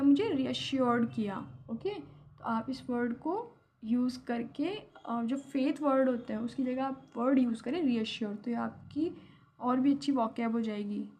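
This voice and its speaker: A young Indian woman with a slightly high, warm voice gives a vocabulary lesson in Hindi. She teaches English words, patiently explaining each one with examples.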